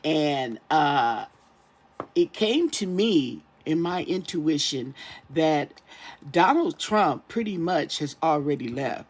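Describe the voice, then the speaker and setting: A tarot reader talking casually to camera while getting over an illness, halting and repetitive, often tagging phrases with a questioning check-in. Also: medium pitch, vocal fry. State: recovering from an ear infection. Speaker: tarot reader, channel host.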